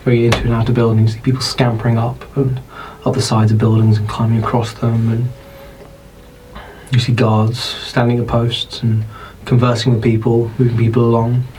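A man with a British accent, narrating as dungeon master in an unhurried, descriptive way. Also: mid-range voice, level tone, a little mellow, a little hiss or hum, low-quality recording. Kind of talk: narrating a tabletop game.

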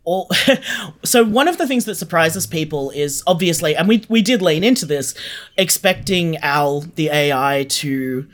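A little slow and quite expressive, a man with a slightly high voice sits for a reflective podcast interview about the audio drama he co-created. He explains earnestly and repeats certain phrases for emphasis.

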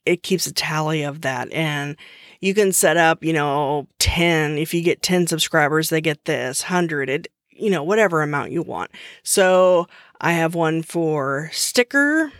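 A woman with a deep voice hosts her own podcast, explaining a topic alone in a loose, unscripted way. She talks slowly and easily, chatty and full of fillers, frequently starting sentences over. The recording is close and dry, with no room echo.

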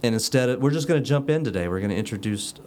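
A man's voice: mid-range voice, lively intonation, very fast, darkish tone, slight background noise. A man hosting a casual chat show, joking and rambling with fillers. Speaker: host.

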